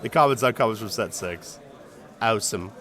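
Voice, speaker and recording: A man's voice: on the low side, normal speed, sharp tone. A man hosting a live card game stream, chatty and jokey, greeting viewers and reading chat aloud between match commentary.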